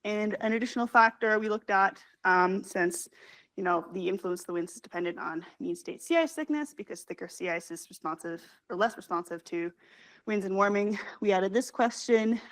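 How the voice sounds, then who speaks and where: A young woman presents her research at a scientific working group. She rushes through her slides, full of fillers and quick self-corrections, in a mid-pitched voice. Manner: fast, hurried delivery with frequent fillers and self-corrections. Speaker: graduate student presenter. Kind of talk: scientific conference talk.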